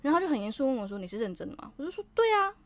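Lively young woman telling a ghost story. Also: high-pitched, very fast. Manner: lively storyteller, drops to a hushed voice for spooky parts. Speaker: podcast co-host.

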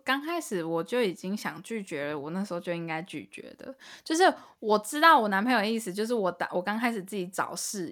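A woman's voice: fairly low pitch, fairly bright tone. A young woman, co-hosting a casual podcast chat and venting in an exasperated, ranting way. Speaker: podcast co-host.

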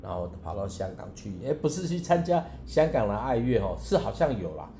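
A man, a preacher and songwriter giving an earnest, halting personal testimony as a radio guest, with many restarts. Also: mid-range voice, big pitch swings, gravelly, dark tone, echoey room, slight background noise.

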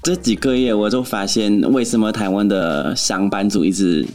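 Low-voiced North American man speaking Mandarin as a foreigner. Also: fairly even intonation, normal speed, music in the background. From Canada. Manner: frank, opinionated. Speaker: interview guest, actor and office worker in marketing. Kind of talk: casual interview chat.

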